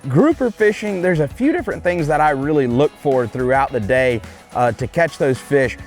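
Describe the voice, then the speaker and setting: Keen, fairly high-voiced man on a boat. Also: expressive, normal speed, soft background music. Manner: enthusiastic, exclamatory. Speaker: fishing show host. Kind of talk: casual on-camera chat while fishing. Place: on a fishing boat outdoors at sea.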